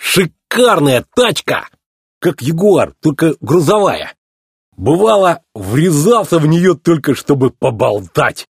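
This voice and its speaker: A man's voice: on the high side, big pitch swings, slow pace, creaky, slightly rough, dry recording, clean studio sound, pitched above the performer's own voice, full character voice. A man doing Mater, a chatty folksy tow truck. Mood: boastful folksy. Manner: rustic, ungrammatical folksy talk.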